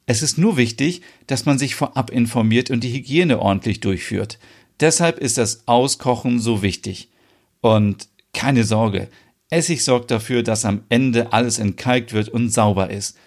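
A man's voice: mid-range voice, measured pace. Matter-of-fact young woman, read by a man, patient and explaining, storybook reading.

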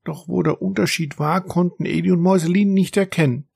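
A man narrating a children's story in a gentle, even storytelling manner. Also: high-pitched, a little fast, creaky, breathy edge, no room sound, clean studio sound.

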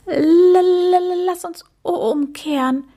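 A woman's voice: high-pitched, sing-song, slow, a little mellow, husky, voice pushed up, heavily acted. A woman voicing a small, timid male friend in a children's story who stutters with fear. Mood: stuttering. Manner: stuttering, fearful.

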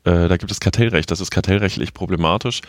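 Fast-talking deep-voiced male podcast host. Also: dry recording, clean studio sound. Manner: quick, talkative, explains at length with restarts. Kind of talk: casual media podcast chat.

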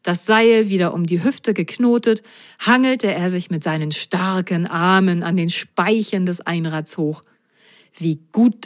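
A woman reading a children's story aloud in a gentle, clear way and speaking directly to the children listening. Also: on the low side, dry recording, clean studio sound.

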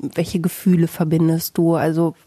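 Interviewer, woman, husky mellow voice, gently probing, dry close sound. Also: sits low, little pitch movement, moderate pace, no echo. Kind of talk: personal interview.

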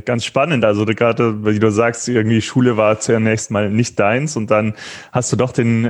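A man's voice: fairly low pitch, darkish tone. A man hosting an interview podcast, introducing his guest and asking questions in a friendly way with some fillers. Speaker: podcast host.

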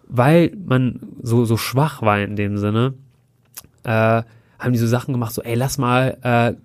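A man's voice: mid-range voice, steady tone, unhurried. Young man telling stories in casual slang. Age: 20s. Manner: slangy, rambling storytelling with many fillers. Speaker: podcast guest. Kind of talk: casual podcast chat.

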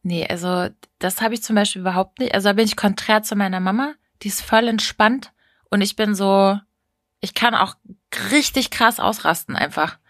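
A woman's voice: medium pitch, moderate pace, fairly bright tone, no echo, studio quality. A woman co-hosting a podcast in casual chat, reflective and firm in her opinions. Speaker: podcast co-host.

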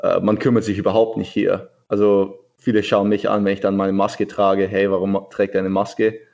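A young man living abroad, answering an interview in a plain, slightly halting way over a remote call. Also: on the low side, monotone, vocal fry, a little mellow. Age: young adult. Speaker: guest, athlete living in the USA. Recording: dull lo-fi remote audio.

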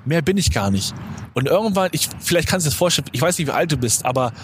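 A man's voice: a little high, expressive, quick pace. A man in his twenties hosting a podcast, rambling casually and correcting himself in a slangy motivational monologue outdoors near a supermarket. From Germany. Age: 20s. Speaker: podcast host. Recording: clear outdoor traffic noise. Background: traffic and street noise.

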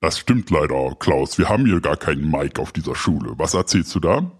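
A man's voice: very deep voice, very animated, husky, heavily acted. A man playing a pompous, smarmy schoolteacher. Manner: pompous, slow and smug.

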